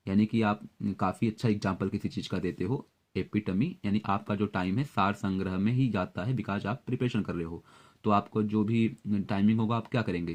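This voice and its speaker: A man teaching exam vocabulary, explaining words and memory tricks at a steady pace with frequent fillers. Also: on the low side. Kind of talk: Hindi-English vocabulary lesson with memory tricks.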